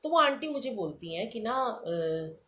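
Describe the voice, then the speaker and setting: A woman's voice: fairly high pitch, very animated, a little slow, sharp tone, a little hiss or hum. A middle-aged woman sharing her own devotional testimony as a story, often calling out to the listeners and acting out the people in it. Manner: repeatedly addresses listeners as sangat ji, acts out quoted dialogue.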